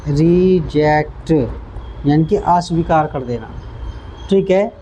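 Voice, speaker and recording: Male teacher, slow and mellow, repeating each word and quizzing the class. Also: on the high side, slight background noise, poor audio. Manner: slow, repetitive, stops to quiz the listener. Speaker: English teacher. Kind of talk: vocabulary lesson.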